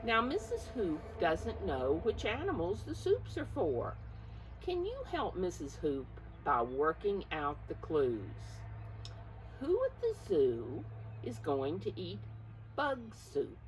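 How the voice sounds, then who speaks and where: Reading a picture book to preschoolers, a teacher speaks slowly with a fairly low pitch, animated and coaxing, addressing the children directly and asking them to guess. The low-quality recording carries a slight hiss or hum.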